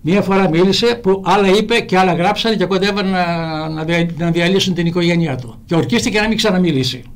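An older actor, a guest in a radio studio, tells rambling anecdotes in a voice that sits high, with few pauses. He keeps restarting and repeatedly says "he tells me."

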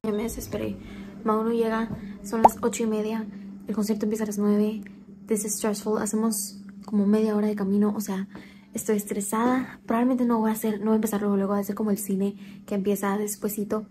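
A woman's voice: medium pitch, little pitch movement, fairly quick, noisy background. A young woman chatting casually to camera in her room as she gets ready, stressed and repeating herself. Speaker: vlogger. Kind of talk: casual vlog chat. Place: bedroom at home.

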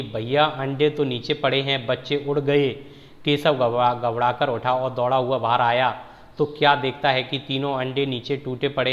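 A man's voice: mid-range voice, a bit bright. A male teacher reading a story aloud and then explaining it in simple words. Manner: reads the text, then explains it in plain words. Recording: echoey, dull lo-fi recording.

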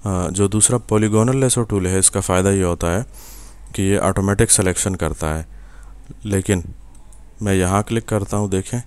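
A young Pakistani man with an Urdu accent gives a patient, step-by-step screen-recorded software lesson at his computer, often checking in with the viewer. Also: sits low, smooth, no echo. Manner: patient, step-by-step, many fillers and "ٹھیک ہے" checks. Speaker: software instructor.

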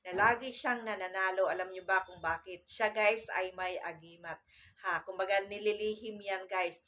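A bright-voiced woman talking straight to her camera at home. She chats in a loose, rambling way, keeps calling her viewers "guys" and often breaks off to restart a sentence. Her pitch sits in the middle of the range. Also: fairly even intonation, normal speed. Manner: chatty, says "guys" often, many restarts. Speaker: vlogger on amulets and folk spirituality. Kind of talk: casual talk to camera.

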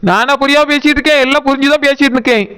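A man's voice: very high voice, pushed and bright, poor audio. A man voicing an anxious, tearful young village wife in a cartoon, speaking with a Tirunelveli Tamil accent. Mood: fretful. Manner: fretful, pleading, rapid. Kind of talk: cartoon voice acting.

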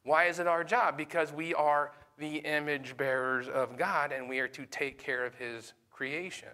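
A man's voice: on the high side, bright, forceful tone. A man, a pastor, teaching a Sunday school class in a conversational way and often putting questions to the class. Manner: conversational, with fillers.

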